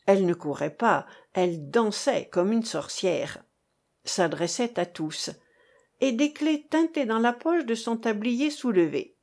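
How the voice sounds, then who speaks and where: Slow, expressive woman reading a story. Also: medium pitch. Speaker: audiobook reader. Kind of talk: scripted literary narration.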